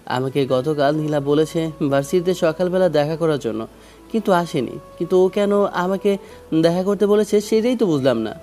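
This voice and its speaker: A man's voice: a little high, animated, moderate pace, dark tone, soft background music. A young man narrating a romantic audio story in the first person, with dramatic emotion.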